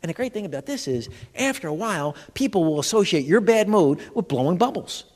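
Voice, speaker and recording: This man has a high, brisk voice. Doing stand-up for a live audience in a big expo hall, the comedian and humor educator tells lively stories, plays out the dialogue, and talks to the crowd, all under long hall reverb.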